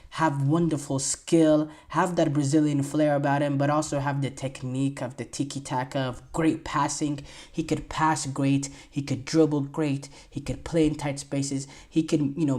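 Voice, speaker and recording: A twenty-year-old man hosts a solo sports podcast, rambling enthusiastically with plenty of fillers and restarts. His voice sits a little high, with a darkish tone.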